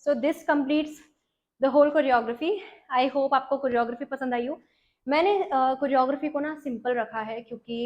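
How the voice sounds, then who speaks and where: A woman dance teacher with an Indian accent who switches between Hindi and English, counting beats aloud and explaining steps quickly. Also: sits high, highs cut off. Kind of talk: dance tutorial, counting steps and singing lyrics.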